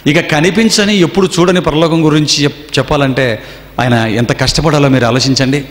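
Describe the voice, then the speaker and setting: In an echoey seminar hall with long reverb, a man with a slightly high, brisk voice preaches to a gathering. His sermon relies on storytelling and rhetorical questions aimed repeatedly at the crowd.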